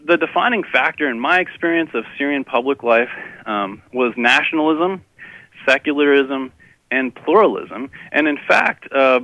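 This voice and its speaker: A man's voice: mid-range voice, expressive, normal speed, no room sound. A man from Texas, a guest on a radio interview, who talks in a hesitant way, full of ums and uhs. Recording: dull lo-fi radio audio.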